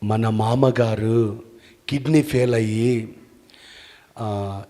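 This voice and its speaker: A male preacher voicing a grieving mother who pleads for her dying father-in-law, hushed and low. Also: fairly even intonation, very slow, long reverb tail. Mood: tearful pleading.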